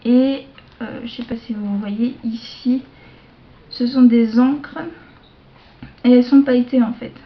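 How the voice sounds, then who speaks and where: A woman showing off a shopping haul to her viewers in a casual show-and-tell, hesitant, with many fillers and self-corrections, slipping into soft asides. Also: fairly high pitch, steady tone. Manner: slow, chatty, drops into soft asides. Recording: dull lo-fi home video sound.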